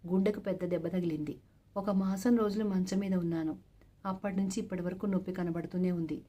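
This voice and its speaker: A woman reading the part of a troubled young landlord husband in a storybook reading, halting and hesitant. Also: lowish voice, fairly even intonation, mellow, lightly acted.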